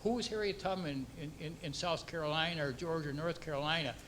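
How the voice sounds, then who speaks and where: A man serving as mayor, reading a formal proclamation and then speaking off the cuff with halting, repeated words. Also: fairly high pitch, background noise.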